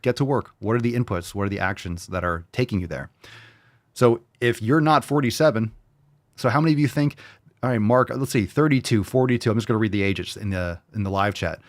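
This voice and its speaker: A man's voice: fairly low pitch, fairly quick, no echo, clean studio sound. A man in his forties hosting a fitness show, talking bluntly and swearing as he pushes viewers to work out. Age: 40s. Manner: blunt, profane, pushy motivator. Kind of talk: motivational livestream talk, reading viewer comments.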